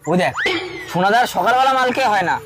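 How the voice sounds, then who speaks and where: A man's voice: sits high, lively intonation, fast talker, noisy background. A man playing a whiny, nervous sidekick in a comedy skit. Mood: pleading. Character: whiny, nervous sidekick eager to avoid the drunk.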